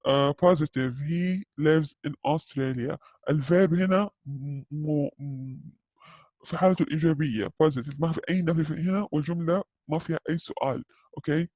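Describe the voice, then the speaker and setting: Slow-explaining man teaching grammar. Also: on the high side, a little mellow, no echo. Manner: slow, carefully spelled-out English examples; checks in often with listeners. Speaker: English teacher. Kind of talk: grammar lesson explained in Arabic.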